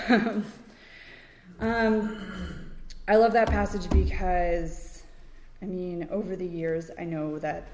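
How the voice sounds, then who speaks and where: A woman from Connecticut giving her personal recovery story at a meeting, halting and full of fillers, with small laughs. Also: fairly low pitch, a little mellow. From Connecticut, USA. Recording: echoey hall with long reverb.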